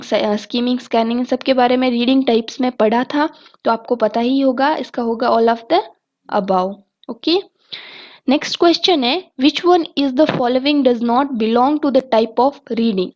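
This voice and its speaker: A woman's voice: fairly high pitch, darkish tone. A woman teacher with a Hindi accent reads multiple-choice exam questions and their options aloud, then explains the answers, often saying "okay" between points. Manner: often says "ठीक है" and "okay" as fillers.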